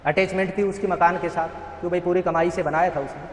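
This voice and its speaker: A man's voice: high voice, fairly even intonation, quick pace, slight background noise. A man giving an earnest motivational talk at a rehab center, telling a parable and asking rhetorical questions. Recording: echoey hall.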